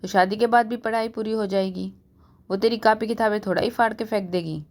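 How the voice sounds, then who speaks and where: A woman's voice: medium pitch, steady tone, a little fast, natural voice. A woman voicing a stern middle-aged father who scolds and gives commands in a storybook reading.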